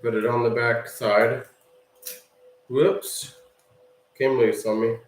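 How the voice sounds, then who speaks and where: Hobby host with the hiccups, unhurried workbench commentary, recorded a little off-mic. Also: male voice, mid-range voice, flat delivery, roomy sound, distant mic, rough recording. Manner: slow, offhand narration while working with his hands. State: has the hiccups.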